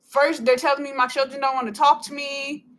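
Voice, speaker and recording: A woman's voice: sits high, flat delivery, a little fast, a bit bright. An upset, anxious woman, a mother on a phone call, pleading insistently and repeating herself. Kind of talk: emotional phone conversation.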